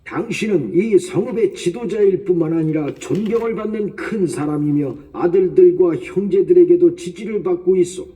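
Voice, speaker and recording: A man's voice: sits high, normal speed, few pauses, mellow, lightly acted. A man playing a king's official who speaks formally and coaxingly, heard from a distance. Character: smooth-talking royal official, persuasive. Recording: distant from the mic.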